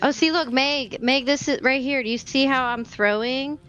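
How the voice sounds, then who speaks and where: A woman streaming a co-op game with friends, excitable, swearing freely and coaching her teammates. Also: high voice, moderate pace, muffled recording. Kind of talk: casual gaming chat with friends.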